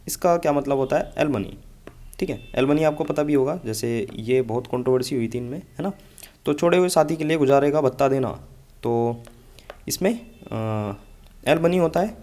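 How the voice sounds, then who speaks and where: A man teaches English vocabulary for a competitive exam. He explains each word patiently and goes back over his memory tricks. His voice sits at an ordinary, middling pitch for a man. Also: fairly quick, dark tone. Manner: explains patiently, repeats mnemonics, says "ठीक है" often. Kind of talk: exam-prep lesson with mnemonics.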